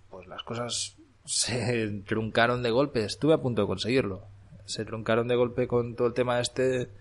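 This podcast host, a man in his thirties from Barcelona in Catalonia, speaks from Granada, Nicaragua in a mid-range, darkish voice with a Barcelona Spanish accent. He reflects on life abroad in a slow personal monologue, often filling pauses and restarting sentences.

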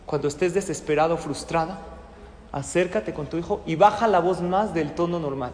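A man giving a lively parenting lecture to a live class, acting out parents and children. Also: a little high, moderate pace. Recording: echoey hall with faint noise.

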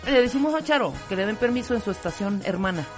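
A woman co-hosts a casual radio show from the studio. She is giggly and playful, and her pitch leaps around a lot. Faint music sits in the background. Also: animated, quick pace. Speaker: radio co-host. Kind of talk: casual on-air banter.

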